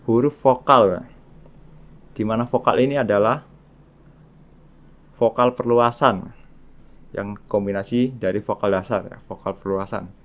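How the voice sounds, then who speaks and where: A man teaching a beginner language lesson, explaining sounds patiently and repeating each one in drills. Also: mid-range voice. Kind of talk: slow, patient lesson narration.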